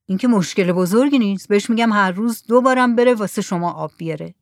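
A woman's voice: mid-range voice, dry recording, clean studio sound, natural voice. A woman reading aloud, voicing a short, heavy mullah who is pushy and sure of himself. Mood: insistent.

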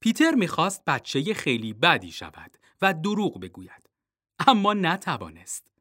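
A man reading a children's storybook aloud, expressive and dropping low for suspense. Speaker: narrator.

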